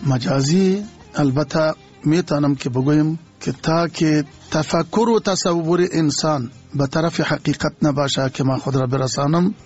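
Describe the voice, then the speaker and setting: Husky older Afghan Dari-speaking poet on muffled radio. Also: male voice, fairly high pitch, a little mellow, faint music behind. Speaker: poet being interviewed. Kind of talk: radio interview answers.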